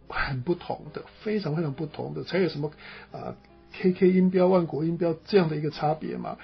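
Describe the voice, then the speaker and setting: A middle-aged Taiwanese man lectures in a rambling, explanatory way, dropping filler particles as he goes. His voice is gravelly and very husky, a bit higher than most men's. The recording is muffled, with faint music underneath. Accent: Taiwanese Mandarin. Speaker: teacher. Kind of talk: spoken lecture.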